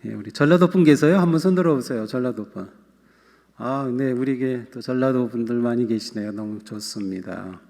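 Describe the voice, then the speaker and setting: A male pastor giving a sermon in a church, relaxed and humorous, speaking directly to his congregation. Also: mid-range voice, a little fast, creaky. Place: church sanctuary. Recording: long church hall reverb.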